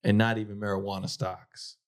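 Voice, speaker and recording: Casual low-voiced man chatting on a podcast. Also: level tone, a little fast. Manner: colloquial, peppers speech with "bro" and "man". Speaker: podcast co-host. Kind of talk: casual chat.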